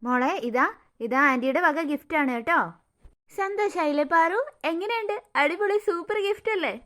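A woman's voice: very high voice, expressive, moderate pace, sharp tone, exaggerated voice. Bindu, a woman doing a patient cartoon mom. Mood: gentle. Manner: soothing, explaining. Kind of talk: cartoon voice acting.

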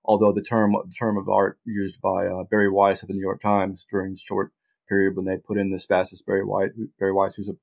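A middle-aged man, a journalist guest in a casual interview, talking in halting bursts with many restarts and dry asides. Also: low-pitched, completely flat delivery, creaky, a little mellow.

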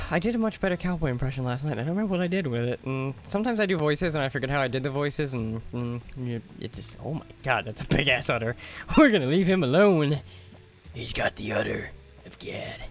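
A man's voice: on the high side, big pitch swings, fast, a little hiss or hum. A young man streaming a video game live, chatting, laughing and joking with viewers. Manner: chatty, laughing, jokey asides. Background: game music.

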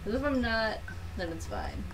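A woman's voice: fairly high pitch, huge pitch swings, normal speed, distant mic, noisy background. A young woman chatting casually and playfully in a giggly, teasing way as she plays a game with a partner. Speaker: co-op gaming commentator. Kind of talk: casual gameplay chat, outtakes. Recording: game music behind the voice. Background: video game music.

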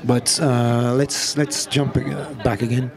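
A man hosting a live event introduces his guest in halting, English, repeating words as he searches for phrasing. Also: mid-range voice, flat delivery, a crowd in the background. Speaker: host, moderator. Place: outdoor terrace before a small audience.

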